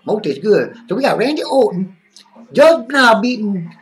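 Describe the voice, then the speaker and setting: A man's voice: high-pitched, very animated, moderate pace, distant mic. A man voicing a zany, boastful male wrestling-fan character who drawls and talks about himself in the third person. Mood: brash.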